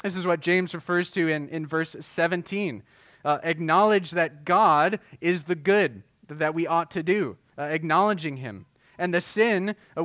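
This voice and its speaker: Pastor guy giving a sermon, earnest and measured, lotta uhs, kinda high voice, dry sound. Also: a bit bright, no room sound. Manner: earnest, measured preaching with frequent "uh" fillers.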